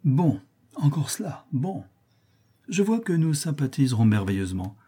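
A man's voice: on the high side, very animated, normal speed, mellow, slightly rough. A man voicing a vain, pompous older count who admires his own verses. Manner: pompous, self-admiring, emphatic.

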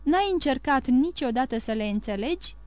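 A woman reading the Count, a calm ironic nobleman. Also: high-pitched, clear, resonant tone, no room sound. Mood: probing.

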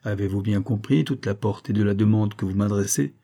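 A man reading a novel aloud and voicing a composed male investigator with measured, questioning speech. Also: fairly low pitch, gravelly, mellow. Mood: grave. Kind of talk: audiobook reading.

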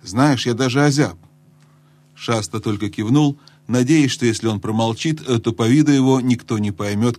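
A man reading a children's fantasy audiobook aloud in a measured storytelling voice that drops low and hushed in tense moments. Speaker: audiobook narrator. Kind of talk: scripted storybook narration.

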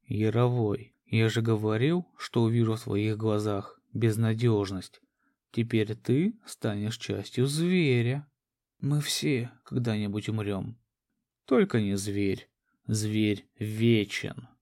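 A man voicing a gloating, menacing alien beast in a human body, slow, ominous and taunting, in a sci-fi horror audio drama. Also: on the low side, darkish tone.

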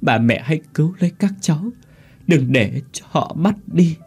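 A man's voice: a little high, lively intonation, moderate pace, darkish tone, husky, soft background music, voice pushed up, full character voice. A man voicing the weeping ghost of a murdered young mother, sobbing and pleading through a possessed girl.

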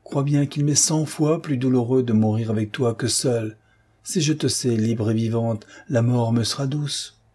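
A man's voice: medium pitch, moderate pace, mellow, breathy edge, lightly acted. A man reading the part of a young officer, earnest and insistent, in an audiobook. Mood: urgent pleading. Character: young male officer, pleading and urgent.

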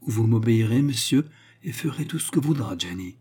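A man's voice: medium pitch, expressive, brisk, warm tone, slightly rough. A man voicing a scheming young kept woman in an audiobook reading, pleading and then commanding her lover. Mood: coaxing.

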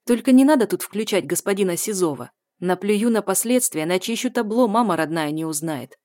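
A woman reader voicing a hot-tempered young man who speaks gruffly and gives orders. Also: medium pitch, expressive, brisk, darkish tone, no room sound, clean studio sound, natural voice. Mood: menacing. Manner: gruff, commanding. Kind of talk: audiobook character voice.

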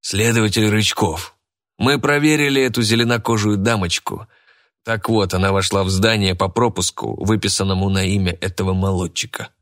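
A man voicing a curt, hard-nosed police detective who speaks in a measured way. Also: fairly low pitch, fairly even intonation, a bit bright, natural voice.

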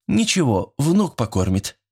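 Guy doing a bossy young village nurse lady, strict, scolds everyone, higher voice. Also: very animated, a little slow, creaky, mellow, slightly rough, full character voice. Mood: stern. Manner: stern, scolding. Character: strict brisk young village medic woman.

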